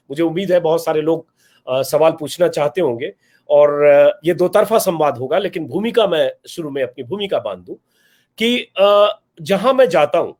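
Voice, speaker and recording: A man in his fifties, a journalist hosting his own channel, talking straight to his viewers in an earnest, explanatory way, pausing often and listing examples. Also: high-pitched, darkish tone. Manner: earnest, explanatory, lists places and examples with many pauses and fillers. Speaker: journalist and YouTube channel host. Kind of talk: direct-to-camera talk to viewers.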